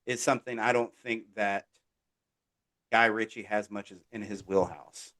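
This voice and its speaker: A man co-hosting a movie podcast, relaxed and agreeable in casual chat and the show outro. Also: on the low side, a little slow. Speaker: podcast co-host.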